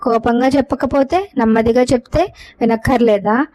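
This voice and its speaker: A woman voicing a sharp-tongued, exasperated young housewife in a storybook reading, with a complaining, sarcastic manner. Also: fairly high pitch, moderate pace, lightly acted. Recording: dull lo-fi recording.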